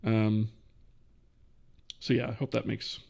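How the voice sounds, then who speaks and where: A man's voice: fairly low pitch, level tone, takes it slowly, gravelly, a little mellow, breathy edge. A man hosting a live coding stream, thinking aloud as he types and answering questions from chat.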